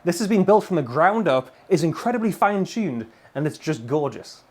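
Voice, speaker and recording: A middle-aged British man demos guitar gear to camera in an indoor room packed with guitars and amplifiers. He's enthusiastic, emphatic and colloquial, with a rather high, sing-song voice at a moderate pace.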